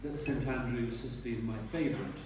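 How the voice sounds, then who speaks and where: A man, a retiring teacher giving a rambling speech at a dinner and often clearing his throat. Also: mid-range voice, steady tone, moderate pace. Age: 60s. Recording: echoey hall from far off, noisy.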